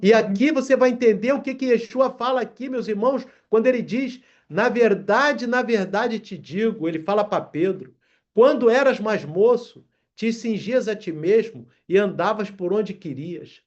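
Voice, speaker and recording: Reading scripture aloud, a preacher delivers a sermon and calls his listeners brothers. He sits high in pitch at a moderate pace, captured on a muffled recording.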